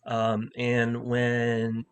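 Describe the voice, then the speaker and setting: A man who stutters, an improv teacher and comedian, speaks candidly in a casual conversation, repeating words and restarting often. His medium-pitched voice is clear and resonant but completely flat, and his manner is halting and thoughtful.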